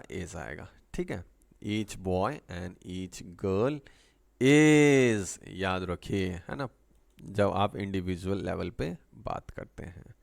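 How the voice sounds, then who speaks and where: Slow gravelly Indian English teacher. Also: male voice, fairly low pitch. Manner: reads English examples slowly, explains in quick Hindi with frequent "है ना". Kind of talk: bilingual grammar lesson.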